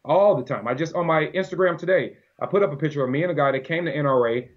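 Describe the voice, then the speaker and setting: A man speaking as a podcast guest in a casual conversation, animated and argumentative. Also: on the high side, fast talker. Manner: animated, argumentative, often acts out quoted voices. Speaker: podcast guest, gun-rights advocate. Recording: dull lo-fi audio.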